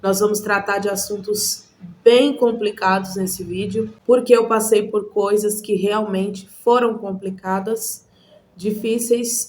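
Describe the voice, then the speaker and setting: Woman vlogger from Goiânia, Brazil, earnest personal testimony, measured and paused, mid-pitched.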